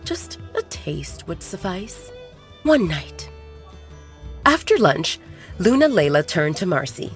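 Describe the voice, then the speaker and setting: A woman narrates a scripted romance drama like an audiobook storyteller, her lowish voice slow and sing-song, with frequent pauses. Music plays softly under her.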